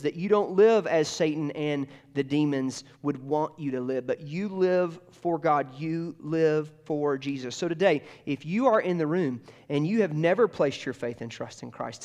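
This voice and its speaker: A male pastor preaching a sermon in an earnest way, repeating phrases and dropping softer as he prays. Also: a little high. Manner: earnest, repeats phrases, drops to soft tones in prayer.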